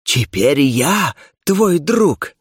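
Audiobook villain: man reading an imperious female darkness, slow and hissing, dry close recording. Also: mid-range voice, animated, gravelly, breathy edge, dry recording, exaggerated voice. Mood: grandiose.

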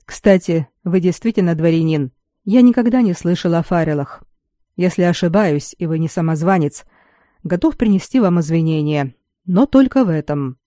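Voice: mid-range voice, normal speed, mellow, no echo, studio quality, lightly acted. A reader voicing a proud young male lord who speaks coldly and heavily in an audiobook. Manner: cold, clipped, heavy delivery. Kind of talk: audiobook character reading.

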